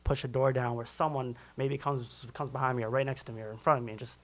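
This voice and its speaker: A young man from Minnesota, a musician guest chatting casually in an interview, loose and relaxed with frequent restarts. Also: medium pitch, fast talker. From Minnesota, USA.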